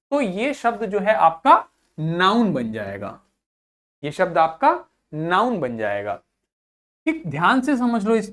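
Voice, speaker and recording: A woman teacher giving a vocabulary class to school children. She repeats each point patiently, spells suffixes out letter by letter and reads words. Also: medium pitch.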